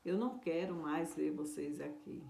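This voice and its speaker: Woman voicing an angry bullying sorcerer uncle for a storybook, loud and resentful, roomy echo. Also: fairly high pitch, moderate pace, creaky, slight background noise. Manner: shouting, resentful, raised voice.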